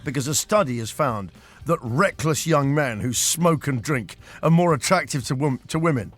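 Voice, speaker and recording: A man's voice: a little high, lively intonation, moderate pace, a bit bright, soft background music. A man hosting a radio show, joking and laughing in casual banter. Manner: jokey, playful, laughs a lot.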